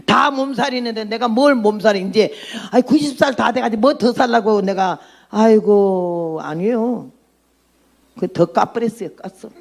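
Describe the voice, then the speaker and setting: Gravelly-voiced woman in her eighties preaching. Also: a little high, normal speed. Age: 80s. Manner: blunt, emphatic preaching. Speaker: missionary. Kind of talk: testimony sermon.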